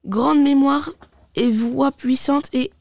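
A woman reading a story aloud, halting and restarting words often. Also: sits high, vocal fry, darkish tone, no echo. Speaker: reader.

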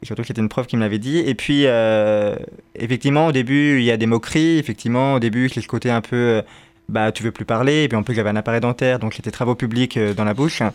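A man's voice: mid-range voice, fast. A man with a lisp that turns s sounds slushy, chatting hesitantly as a comedian being interviewed. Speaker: interview guest, stand-up comedian. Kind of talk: casual interview chat.

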